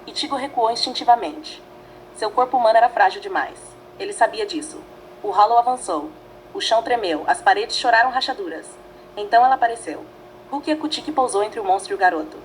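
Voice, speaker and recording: A woman narrating a fanfiction story in a dramatic, measured way, reading in short phrases. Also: fairly high pitch, lively intonation, a little hiss or hum, low-quality recording.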